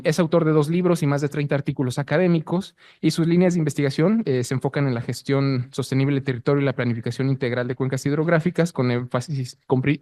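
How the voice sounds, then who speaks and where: A man's voice: a little high, a little mellow, dry recording. A man with a Mexican accent giving a formal introduction as event host, sometimes stumbling and correcting himself.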